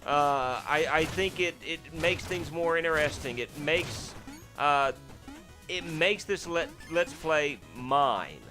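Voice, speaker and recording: Slow, pushed and bright, this man's fairly deep voice carries rambling let's play commentary full of fillers and restarts. He's self-deprecating and lets out sudden startled yelps as he plays, with faint game music in the background.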